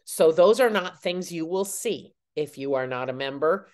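An older woman, owner of the site, walking viewers through its menus in an unhurried, explanatory way, her phrases trailing off at the ends. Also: deep voice, expressive, darkish tone. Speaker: site owner giving a tour. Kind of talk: screen-recorded website walkthrough.

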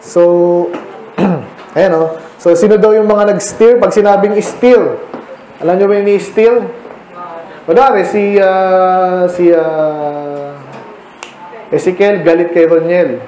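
A Filipino pastor with a fairly high, soft-edged voice teaches a midweek Bible study. He talks in a conversational way, slips into English, and keeps checking in with his listeners. The sound carries an echo from the church hall and a faint hum of ambient noise. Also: fairly even intonation, slow pace. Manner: conversational, mixing English into Tagalog, asking the congregation questions.

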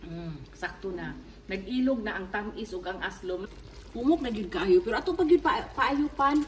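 A Filipino woman in her fifties with a Cebuano accent, casually talking through a home recipe in her kitchen, explaining each step in a relaxed, chatty way. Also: mid-range voice, normal speed, slight background noise. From Philippines. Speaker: home cook. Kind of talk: casual cooking vlog narration. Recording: distant camera mic, music underneath.

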